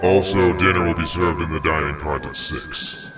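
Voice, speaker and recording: A man putting on the voice of a train conductor making a slow, mock-formal announcement over the intercom. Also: deep voice, voice pushed down. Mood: mock-grand. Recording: distant voice over music.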